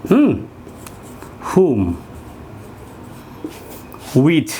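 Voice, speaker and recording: Lively male English teacher drilling a class. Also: a little high, extremely slow, a little hiss or hum. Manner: drills phrases, asks the class to repeat. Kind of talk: classroom lesson.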